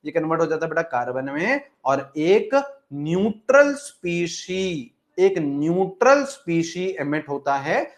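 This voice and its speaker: Brief: young male chemistry teacher, slightly high voice, coaxing and repetitive, answers his own questions. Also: sing-song, a little slow. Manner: coaxing, repeats phrases, asks and answers students' questions himself; mixes English terms into the talk, calls students "beta". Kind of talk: classroom lecture.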